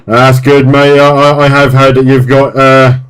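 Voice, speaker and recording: Casual CB radio chat comes from an English man running the net, his medium-pitched voice flat and moderately paced. He talks in a friendly, matey, colloquial way. Heavy radio static and hiss run through the recording, with steady sideband noise behind him.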